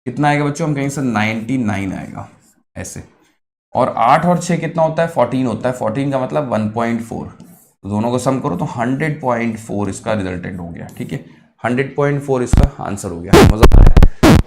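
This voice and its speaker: A man teaching a live online exam-prep math class, encouraging, repeating each answer, and mixing quick calculation with motivational asides. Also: mid-range voice, gravelly, a little mellow, a little hiss or hum. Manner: encouraging, repeats answers, addresses students as kids.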